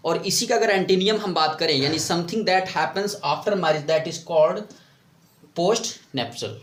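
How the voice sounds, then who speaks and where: A man teaching English vocabulary in Hindi mixed with English, explaining slowly, repeating words and asking his students questions. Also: sits high, a bit bright, reverberant.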